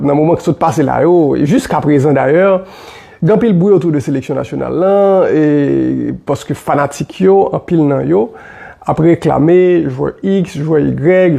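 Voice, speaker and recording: A man with a Haitian accent, giving solo football commentary in an animated way, repeating his points with many fillers. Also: fairly high pitch, gravelly.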